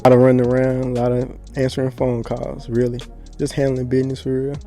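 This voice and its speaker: Laid-back man, mellow voice. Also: medium pitch, monotone, quick pace, faint music behind. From Pensacola, Florida. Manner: laid-back, slangy, rambling storyteller. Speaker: podcast guest. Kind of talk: casual podcast chat.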